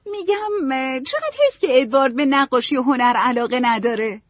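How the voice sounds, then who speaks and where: A woman's voice: high voice, lively intonation, no echo, voice pushed up. A woman voicing a passionate, dramatic young woman in a storybook reading, talking in sweeping, emotional bursts. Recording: dull, dry, lo-fi.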